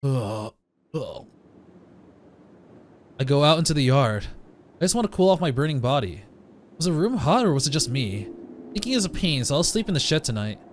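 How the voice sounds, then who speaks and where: A man's voice: a little high, very animated, fast talker, slight background noise. A man reading a visual novel aloud as narration, breaking off now and then to joke about it. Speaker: let's play reader.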